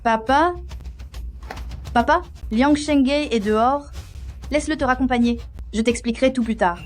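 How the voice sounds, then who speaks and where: A woman's voice: sits high, measured pace. A woman dubbing a devoted young assistant, sounding pleading. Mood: distressed. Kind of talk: French drama dubbing.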